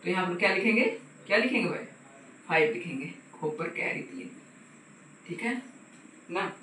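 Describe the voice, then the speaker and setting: High, bright-voiced man tutoring in an echoey room. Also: lively intonation, normal speed. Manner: patient, repeats "ठीक है" and asks the viewer questions. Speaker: math tutor. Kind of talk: casual step-by-step math lesson. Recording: echoey room, voice from a distance, faint hiss.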